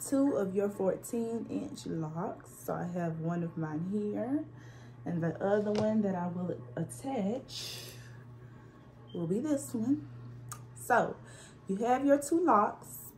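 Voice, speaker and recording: Woman, tutorial host, relaxed and instructive, phone mic, faint background hiss. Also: mid-range voice, takes it slowly. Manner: relaxed, instructive, talks through each hand step. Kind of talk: casual step-by-step tutorial. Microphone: phone propped up on a spray bottle.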